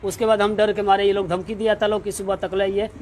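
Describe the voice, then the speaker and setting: A man being interviewed as a tenant, pleading anxiously and halting, repeating phrases with respectful "ji". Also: high voice, flat delivery.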